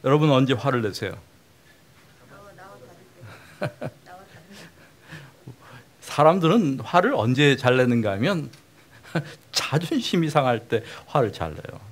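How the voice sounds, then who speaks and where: A man's voice: mid-range voice, big pitch swings, slow, long pauses. A middle-aged male pastor giving a conversational sermon lecture, often putting questions to the congregation.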